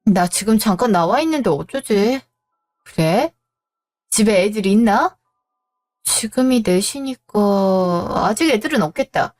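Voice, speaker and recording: Audio drama role: caring older mother, gentle, chatty, mid-pitched, read by a woman. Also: lively intonation, a little slow, soft background music, close to an everyday voice. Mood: warm.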